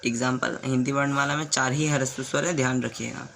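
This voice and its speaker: A man teaching the alphabet in a slow classroom way. He repeats sounds, asks the class questions and writes on a board as he goes. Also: mid-range voice, steady tone, creaky, fairly bright tone, a little hiss or hum. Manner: stops to write on a board while talking. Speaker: Hindi teacher.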